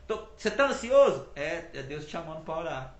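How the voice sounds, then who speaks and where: Male preacher, higher voice, chatty and emphatic, roomy reverberant recording. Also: sing-song, brisk. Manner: conversational, repetitive, emphatic preaching. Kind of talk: informal sermon. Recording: roomy echo.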